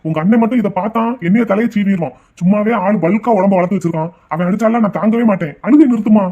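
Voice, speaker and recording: Cartoon: a man playing a meek tea seller, quick and high-voiced, dull lo-fi sound. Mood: worried. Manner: pleading, fretful. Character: meek adult male tea shop owner. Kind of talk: cartoon voice acting.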